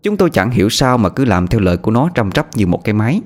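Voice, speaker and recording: A man narrating a ghost story in first person, steady and plain. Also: on the low side, quick pace, faint music behind.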